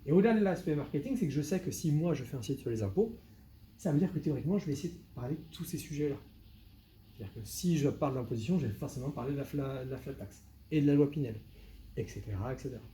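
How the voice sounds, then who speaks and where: A man on the higher side for his sex, with a very dark, mellow tone, presenting to a live meetup audience. He talks to the room directly and lively, dropping dry asides as he goes. A faint hiss sits under the voice. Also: fast. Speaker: web consultant giving a meetup talk.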